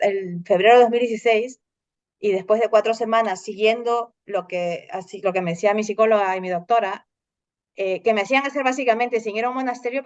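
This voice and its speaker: A woman's voice: on the high side, no echo. Woman chatting, tells stories acting out voices, dull dry sound. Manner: animated storytelling, acting out dialogue. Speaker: host. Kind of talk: casual conversation.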